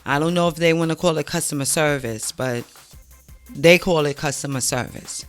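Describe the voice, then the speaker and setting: A vlog host telling a personal story in an animated, exasperated way, acting out the quotes. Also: mid-range voice, moderate pace, soft background music. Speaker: channel host.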